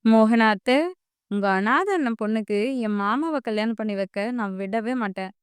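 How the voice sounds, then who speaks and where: Give me a scheming, jealous teenage girl as a woman reads her for an audiobook, sharp and accusing, a bit high. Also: moderate pace, clean tone, no room sound, lightly acted. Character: angry possessive teenage girl, scheming and spiteful. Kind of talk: audiobook character voice.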